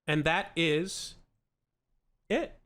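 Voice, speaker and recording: A man's voice: on the high side, lively intonation, extremely slow, a bit bright. A man narrating a tabletop game as game master, with frequent stuttered syllables.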